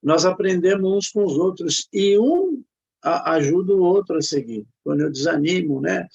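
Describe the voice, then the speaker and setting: Brief: male Brazilian host, raspy and somewhat high, halting and encouraging, muffled recording. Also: lively intonation, darkish tone. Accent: Brazilian Portuguese. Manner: hesitant, repeats fillers, encouraging. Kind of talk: casual online chat. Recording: muffled lo-fi audio.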